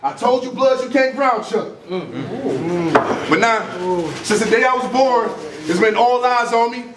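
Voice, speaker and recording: A young man performing a cappella battle rap, boastful and confrontational, projecting his lines with animated delivery and repeating them for emphasis. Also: extremely high pitch, unhurried, heavy background noise. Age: young adult. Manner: projected, animated delivery while pacing and gesturing. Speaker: battle rapper. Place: small crowded indoor room. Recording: echoey room, distant camera mic, crowd reacting.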